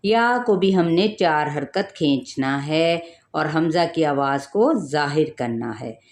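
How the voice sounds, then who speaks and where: Woman tajweed teacher, lowish voice, unhurried step-by-step explanations. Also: lively intonation. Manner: explains rules step by step, stretches recited words slowly. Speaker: Quran recitation teacher. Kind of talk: tajweed lesson, explaining then reciting.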